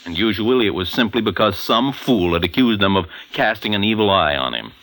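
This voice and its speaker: This American radio host and commentator has a lowish, animated voice, a bit bright, and he talks briskly. He delivers a dramatic, polished 1940s newsreel-style announcement on vintage radio, with slight background noise and poor audio.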